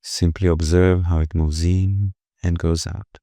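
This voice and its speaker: Leading a slow, gentle meditation, a very deep-voiced man barely lets his tone rise or fall, resting in calming pauses between phrases. The sound is close and dry, free of any echo.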